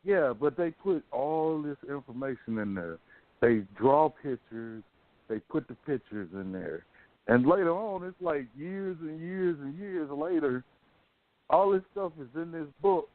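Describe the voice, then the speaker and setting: A man hosts a radio talk show, chatting casually and colloquially with strong opinions and telling things like stories. His voice is a little high, animated, and unhurried. There's no echo, but the sound is thin and band-limited, like a phone.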